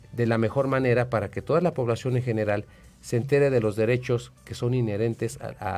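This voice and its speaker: A man with a Mexican accent hosting an educational radio talk show, explaining in a measured way with hesitant fillers. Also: mid-range voice, a little mellow.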